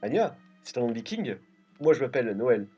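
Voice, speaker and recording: A confused young hero who cannot remember his own past, read aloud by a man from a game's dialogue. He asks question after question in a puzzled, searching tone at a middle pitch. The recording is dull and lo-fi with faint music underneath. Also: sing-song, fairly quick, dark tone, slightly rough. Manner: bewildered, questioning. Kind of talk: reading game dialogue aloud.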